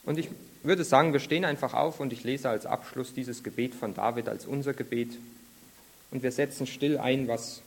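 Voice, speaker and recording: A man preaching a sermon to a congregation and reading a psalm aloud as a prayer, slowing down and lifting his voice for the scripture passages. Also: mid-range voice, creaky. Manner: earnest, slows and lifts his voice for scripture.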